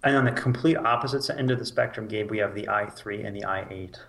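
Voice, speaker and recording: Low, gravelly man in casual car chat. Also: fast, fairly bright tone. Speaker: podcast co-host.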